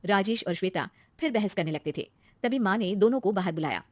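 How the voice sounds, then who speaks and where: A woman narrating a scripted cartoon story for kids with brisk, clear storytelling. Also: medium pitch, lively intonation, no room sound, clean studio sound.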